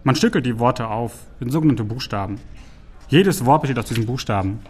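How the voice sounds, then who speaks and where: Male reader as a mild scholar-teacher in a storybook, calm and patient. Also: mid-range voice, fairly quick, husky. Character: gentle red-haired scholar, patient teacher.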